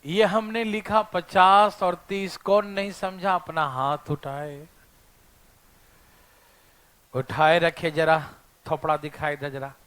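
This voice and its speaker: A man's voice: a little high, flat delivery, slow, long pauses, fairly bright tone, clear, resonant tone. A male math teacher lecturing a classroom, teasing his students and checking in with them constantly.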